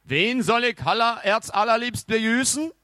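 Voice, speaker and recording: A man's voice: very high voice, moderate pace, sharp tone, no room sound, studio quality, voice pushed up. A man voicing a centuries-old knight mummy who speaks in stately, archaic phrasing. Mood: bewildered.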